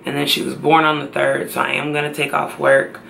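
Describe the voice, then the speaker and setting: A tired young woman talking slowly and tearfully to camera in a personal vlog, trying to stay upbeat. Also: deep voice, completely flat delivery, creaky, fairly bright tone, a little hiss or hum. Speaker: pregnancy vlogger.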